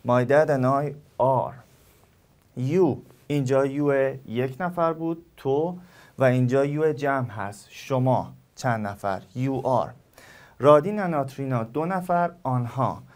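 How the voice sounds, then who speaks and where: A male English teacher with a Persian accent, a native Persian speaker, giving a recorded lesson and explaining slowly with repeated examples. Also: mid-range voice, animated, darkish tone.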